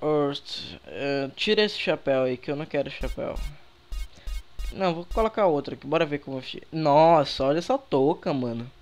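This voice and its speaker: A young man with a Brazilian accent giving relaxed, slangy commentary while playing a game, chatting with viewers through a headset mic. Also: on the high side, moderate pace, faint music behind. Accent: Brazilian Portuguese. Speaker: gaming youtuber. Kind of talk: casual gameplay commentary. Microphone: headset microphone.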